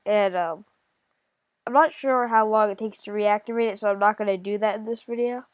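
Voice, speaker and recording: Stuffy-nosed from a cold, this gaming tutorial creator talks through a casual screen-recorded game, hesitant and thinking aloud, with frequent pauses and self-corrections. Her voice sits mid-range, recorded with no room sound.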